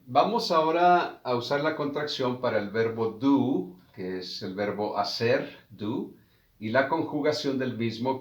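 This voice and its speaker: A male teacher talks a beginner class through English phrases, repeating each one with slow, careful emphasis. His voice sits at a middle pitch and carries an echo from the room around him. He keeps a plain classroom manner throughout. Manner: slow, deliberate drill of example phrases.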